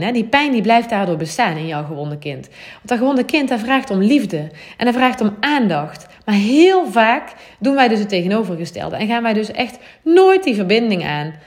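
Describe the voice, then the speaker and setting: A woman in her thirties with a Dutch accent, hosting a solo podcast in an earnest, confiding way, thinking aloud with many fillers. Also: mid-range voice. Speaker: podcast host. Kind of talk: reflective solo podcast talk.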